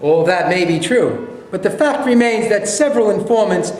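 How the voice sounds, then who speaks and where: In a staged reading of a play, a man with a high, animated, slightly mellow voice plays a firm, formal government war-crimes investigator. He speaks at normal speed in a firm, pressing, insistent way. Soft music plays behind him, and the very echoey room carries light noise.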